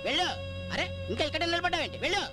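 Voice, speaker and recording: A man's voice: very high-pitched, lively intonation, fast, over music. An actor playing a bossy middle-aged father who barks orders about a wedding, in a film comedy scene. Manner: commanding, brusque, orders people about.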